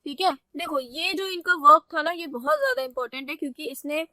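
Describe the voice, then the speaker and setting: Bright high-voiced woman teacher. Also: lively intonation, brisk, no room sound. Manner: explains step by step, often checks "ठीक है ना". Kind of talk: exam-focused poetry lesson in mixed Hindi and English.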